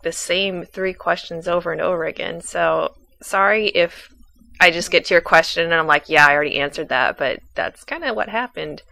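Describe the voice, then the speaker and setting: A young woman, hoarse from a lingering cold, talks to her viewers in a relaxed, rambling way. Her voice sits a little low for a woman, and she trips over restarts and fillers as she answers questions into a home desktop mic. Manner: rambling, self-deprecating, many ums and restarts. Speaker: YouTube Let's Play creator. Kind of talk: casual Q&A voice-over.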